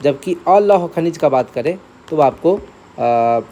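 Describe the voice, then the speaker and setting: A man's voice: a little high, animated, slow, dark tone, a little hiss or hum. Man teaching exam facts in a lecture. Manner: repeats key terms, asks and answers his own questions; checks in often with "theek hai".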